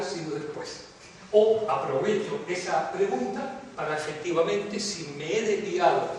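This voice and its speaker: Speaking in a high-pitched, darkish voice, this older economics professor from the Canary Islands gives a rambling, reflective university lecture in Spanish. His Canarian accent blends with Latin American habits, and he drifts into asides and fillers. A distant mic picks him up in a big, echoing lecture hall with noise.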